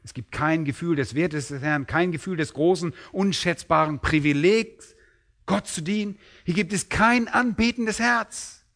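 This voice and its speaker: A man's voice: fairly high pitch, a little slow, fairly bright tone. Emphatic German-speaking male preacher. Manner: emphatic, rising sharply when quoting the master. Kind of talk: sermon.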